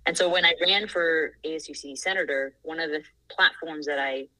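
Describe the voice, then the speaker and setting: A woman's voice: low voice, a little fast, pushed and bright, no echo, low-quality recording. A woman in her thirties from Thailand, a podcast guest talking earnestly and laughing easily. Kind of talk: casual interview.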